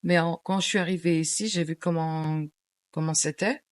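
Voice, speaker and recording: In a relaxed interview conversation, a middle-aged woman from Portugal speaks in a deep voice with a steady tone at normal speed. She sounds unsure, filling pauses and often starting sentences over.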